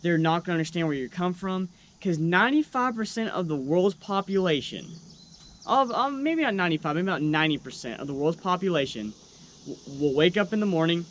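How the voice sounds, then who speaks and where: Young adult man, somewhat higher pitch, casual vlog talk, earnest, encouraging, light noisy ambience. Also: lively intonation, fairly quick. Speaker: YouTube truck vlogger.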